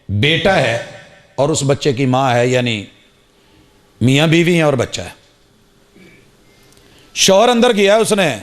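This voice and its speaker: A man preaching a sermon, shifting from quiet storytelling to loud shouted calls, full of rhetorical questions and repeated phrases. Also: a little high.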